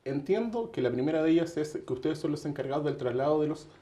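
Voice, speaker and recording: A man's voice: a little high, expressive, quick pace, dark tone, reverberant. A man hosting a TV interview, talking conversationally with fillers.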